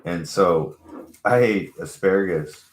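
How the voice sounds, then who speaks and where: A man with a very low voice chats loosely and profanely, spinning stories and acting out the other people in them. He sounds like he's in an echoey room. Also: slow pace. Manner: laid-back, profane, storytelling with acted-out quotes. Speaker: co-host. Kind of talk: casual stoner chat.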